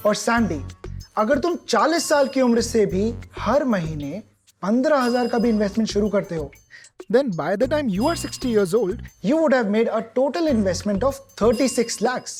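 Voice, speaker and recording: A woman as a patient financial advisor in an animated explainer ad, walking through figures slowly and deliberately in mixed Hindi and English. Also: fairly high pitch. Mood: explaining. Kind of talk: explainer ad dialogue. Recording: light music behind.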